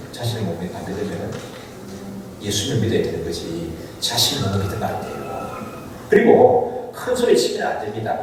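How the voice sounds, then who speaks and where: High-voiced pastor preaching in an echoing hall. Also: male voice, a little mellow, slight background noise. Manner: dramatic storytelling with rhetorical questions. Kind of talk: sermon. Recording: echoey church hall from far off.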